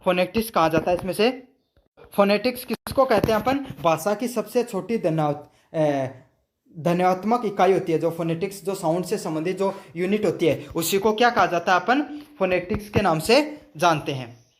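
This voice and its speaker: A man's voice: high-pitched, normal speed. A young male teacher giving an exam-prep lecture, asking his own questions, answering them and repeating answers for students to memorize, with English terms mixed in. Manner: mixes English terms into Hindi.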